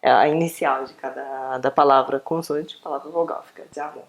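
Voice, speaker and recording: A woman's voice: a bass voice, fairly even intonation, moderate pace. A woman teaching a beginner Korean lesson online, patient and coaxing, checking in with questions constantly. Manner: patient, coaxing, asks questions with frequent tag words.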